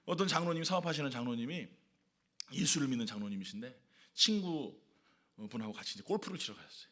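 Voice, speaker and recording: A man's voice: medium pitch, animated, brisk, pushed and bright. A man pastor preaching a sermon at a church worship service, emphatic, stacking rhetorical questions and repeated lists.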